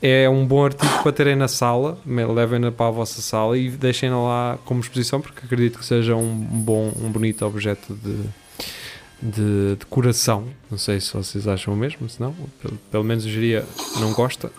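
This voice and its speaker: A man's voice: medium pitch, flat delivery, brisk, darkish tone, a little hiss or hum. A man with a European Portuguese accent and a mid-range voice hosts a loose conversation among friends. He is opinionated and blunt, and swears freely as he talks. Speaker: talk show host. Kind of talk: casual banter with friends.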